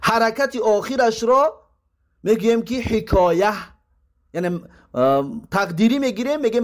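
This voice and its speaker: A man with a Tajik accent teaching Arabic grammar, reading terms slowly and then explaining them. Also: sits high. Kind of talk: grammar lesson.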